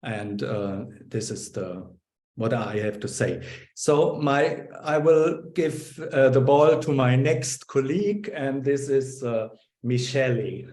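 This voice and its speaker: Slow, halting man hosting a webinar. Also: medium pitch, a little mellow, echoey room. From Germany. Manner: halting, with many fillers and restarts. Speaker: webinar host. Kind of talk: hesitant opening remarks on a video call. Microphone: video call.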